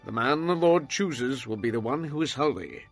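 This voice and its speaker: A man's voice: medium pitch, animated, moderate pace, gravelly. An actor playing a stern, commanding male prophet leader in a dramatized scripture reading, with faint music behind. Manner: forceful, pleading at times.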